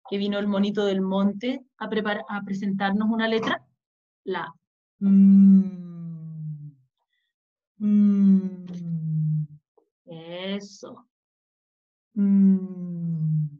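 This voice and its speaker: Slow, patient woman teaching young readers. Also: medium pitch, fairly even intonation, phone-quality sound. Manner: patient, sounds out letters and words slowly, asks children to read along. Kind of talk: slow early-reading lesson for young children.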